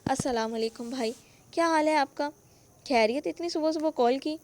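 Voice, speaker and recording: A woman's voice: high-pitched, darkish tone, slight background noise, close to an everyday voice. A woman voicing a worried kindly aunt. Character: kind middle-aged aunt, concerned.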